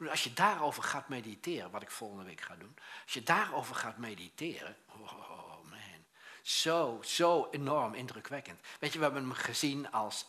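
A man preaching a lively sermon in speech, telling stories with many restarts and acting out the voices he quotes. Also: medium pitch. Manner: animated storytelling with many restarts and asides; acts out quoted voices, swings loud and soft.

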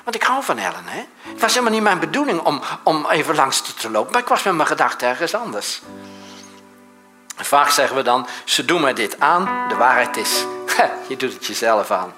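Middle-aged male pastor preaching over soft background music, shifting between animated stories and quiet hushed passages. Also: on the high side, brisk. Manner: anecdotal, swings from loud and animated to soft and hushed. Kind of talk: sermon.

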